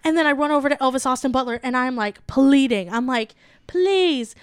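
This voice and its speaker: A young woman co-hosting a comedy podcast, excitedly retelling a strange dream with lots of laughing and swearing. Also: high voice, fast, noisy background. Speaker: podcast co-host. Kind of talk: casual chat, storytelling.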